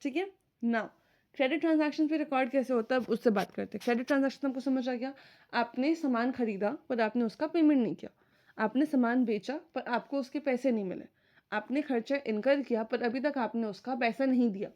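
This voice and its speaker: A woman's voice: on the high side, fairly quick, a little mellow, dull audio. A woman teacher giving a recorded accounting lecture, explaining step by step and often checking whether her students follow. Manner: mixes English terms into Hindi speech.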